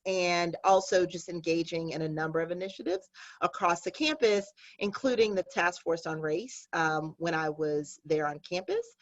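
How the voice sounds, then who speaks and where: Cast: earnest, measured woman with a lowish voice, muffled video-call sound. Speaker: panelist, business owner. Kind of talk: prepared panel remarks.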